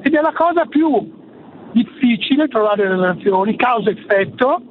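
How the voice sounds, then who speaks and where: A man calling a radio show over the phone from a moving car, explaining earnestly with halting restarts. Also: very high-pitched, lively intonation. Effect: heard over the phone. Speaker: radio caller. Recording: tinny phone line from a car with faint noise.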